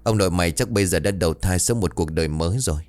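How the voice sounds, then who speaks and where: A man voicing a gruff, secretive old village uncle. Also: deep voice, very fast, faint music behind, lightly acted. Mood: evasive. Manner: gruff, hushed and brushing off questions.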